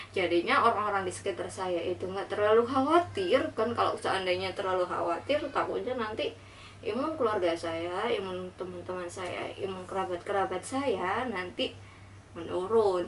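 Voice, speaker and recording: Young woman, earnest storytelling vlog, mic a bit far, faint hiss. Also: medium pitch. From Indonesia. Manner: earnest, reflective retelling, acting out dialogue. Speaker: vlogger. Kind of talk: personal storytelling. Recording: slightly distant mic with faint noise.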